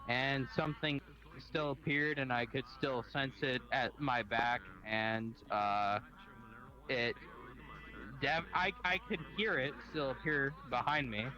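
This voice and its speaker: A man tells a personal story as a guest, halting and restarting often, with some swearing. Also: medium pitch, sharp tone, dull audio. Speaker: soldier telling a story. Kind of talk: casual spoken story.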